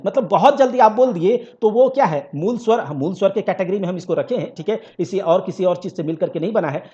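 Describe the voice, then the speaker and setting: A man's voice: sits high, a little mellow. A man teaching an exam-prep grammar lesson, repeating key points and asking the class rhetorical questions. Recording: dull lo-fi recording.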